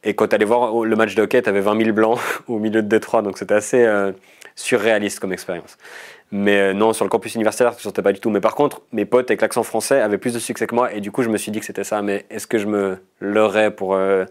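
A man in his thirties from Switzerland with a Swiss French accent, a guest telling stories in a casual interview, often pausing with hesitations. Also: fairly low pitch, flat delivery. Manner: chatty, storytelling, frequent hesitations. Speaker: guest comedian.

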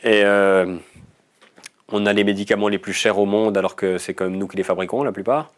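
A man in his thirties with a Swiss French accent and a fairly low voice. He chats as an interview guest, unrolling anecdotes with frequent hesitations and restarts. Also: steady tone, brisk. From Switzerland. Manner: chatty, storytelling, frequent hesitations. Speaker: guest comedian. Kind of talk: casual interview chat.

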